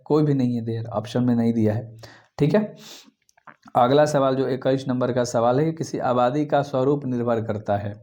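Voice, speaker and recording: A man with a Bihari Hindi accent teaching exam questions quickly, repeating answers and coaxing his students. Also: mid-range voice, warm tone. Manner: fast, repetitive, coaxing students.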